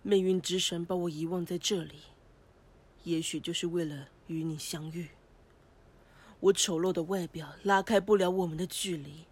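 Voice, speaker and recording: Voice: mid-range voice, steady tone, normal speed, slightly rough, natural voice. A voice actor playing a gallant young prince, once a cursed frog, in a cartoon, speaking in a grand, poetic, courtly way. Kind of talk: cartoon voice acting.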